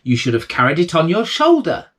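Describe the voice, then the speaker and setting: A man's voice: fairly high pitch, huge pitch swings, brisk, a bit bright, pitched above the performer's own voice. A man voicing a scolding, exasperated mother in a children's storybook tale. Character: scolding mother of a lazy boy.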